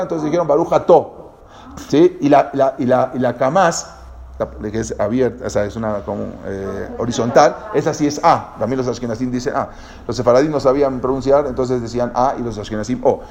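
A man with a medium-pitched, somewhat dark voice delivers a lecture, speaking directly to his listeners. His delivery is halting, packed with fillers and repeated restarts.

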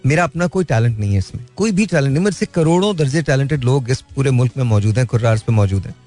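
A man's voice: mid-range voice, animated, quick pace, mellow, soft background music. A man talking in a casual, reflective way, earnest and mixing in English phrases. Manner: earnest, mixes in English phrases, laughs lightly. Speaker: speaker sharing life views.

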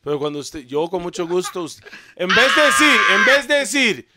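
A man's voice: high voice, sing-song, moderate pace, very noisy. A man whose first language is English, talking Spanish as a rapper guest in a casual podcast chat, teasing and repeating himself to keep the floor.

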